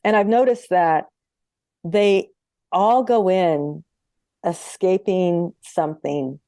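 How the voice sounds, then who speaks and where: A chatty, earnest woman homeopath speaking as an interview guest over a video call. Her voice is mellow and warm-toned, and the sound is dry and close. She tells stories and slips into acting out the dialogue. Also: lowish voice, takes it slowly, no room sound. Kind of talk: conversational interview.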